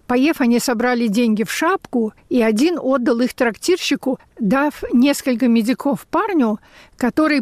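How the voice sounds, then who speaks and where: A woman radio essayist reading her memoir-style script in a measured, reflective way. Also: fairly high pitch, a little mellow, no room sound, clean studio sound.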